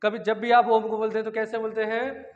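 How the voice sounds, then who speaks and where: A long-echo room and dull, lo-fi audio frame this exam-prep grammar lecture by a male teacher. His high-pitched voice stays completely flat while he questions and answers himself, drawing out vowels and chanting syllables as examples.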